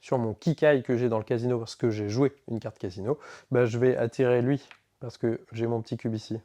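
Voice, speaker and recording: Man, game shop presenter, casual rules walkthrough, middle pitch. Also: fairly even intonation, fairly quick, warm tone. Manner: casual, filler-heavy walkthrough with self-corrections.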